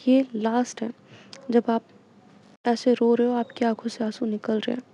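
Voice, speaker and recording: A woman's voice: a little high, flat delivery, normal speed, mellow. A woman voicing a tender young woman who pleads and apologizes to her partner.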